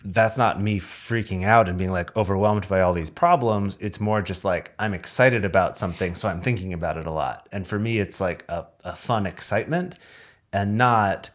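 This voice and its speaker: A young man co-hosting a podcast, talking through his point of view at length in an easygoing, conversational way. His voice is very deep and low for a man. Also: normal speed. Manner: easygoing, explains things at length. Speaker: podcast co-host. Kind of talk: casual chat.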